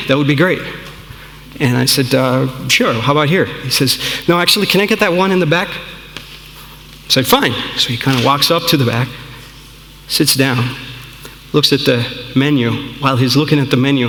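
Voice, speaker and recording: Man giving a talk, earnest and conversational, bright forceful voice, echoey hall. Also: mid-range voice, slight background noise. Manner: earnest, conversational, with frequent "right?" asides. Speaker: speaker. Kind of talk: storytelling talk. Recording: echoey hall, long reverb.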